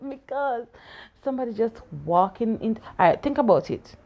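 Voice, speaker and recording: With a slightly high, animated voice at a moderate pace, an aunt chats casually with a child after a story reading, and the recording's highs are cut off. She asks questions about the story, laughs often, and playfully challenges what the child answers.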